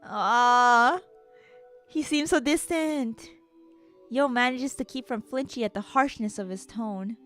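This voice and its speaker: A woman streaming a visual novel playthrough, reading its narration aloud and reacting with animated, giggly, slangy commentary. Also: on the high side, slow, soft background music.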